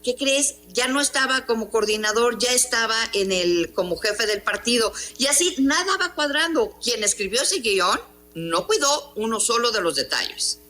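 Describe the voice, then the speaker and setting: A woman's voice: a little high, expressive, moderate pace, bright, forceful tone, soft background music. Emphatic Mexican woman journalist. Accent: Mexican Spanish. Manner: emphatic, indignant, rhetorical questions. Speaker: journalist and columnist. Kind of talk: interview on news program.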